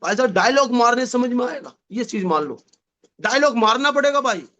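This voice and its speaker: A man giving a lively motivational sales seminar, repeating phrases and calling the audience his dear friends, with a slight touch. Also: very high-pitched, normal speed. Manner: animated, repetitive, addresses audience as "my dear friend". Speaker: network marketing trainer.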